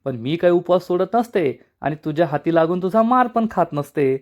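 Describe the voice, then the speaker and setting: A man's voice: on the high side, lively intonation, normal speed. A man voicing a stubborn, lovesick young village woman who talks back sulkily and turns coy. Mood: defiant. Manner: sulky, defiant, then coy.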